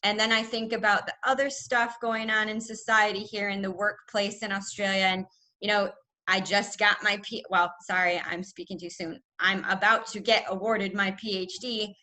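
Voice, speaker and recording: A woman's voice: mid-range voice, normal speed. A woman from the United States, in her thirties, talking casually and chattily with frequent laughs as a student in a video-call class. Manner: chatty, laughs often, animated asides.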